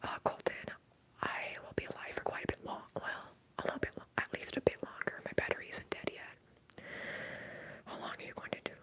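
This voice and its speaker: A woman whispering softly and breathily as she hosts an ASMR livestream, chatting in a candid, informal, rambling way. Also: brisk. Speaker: livestream host.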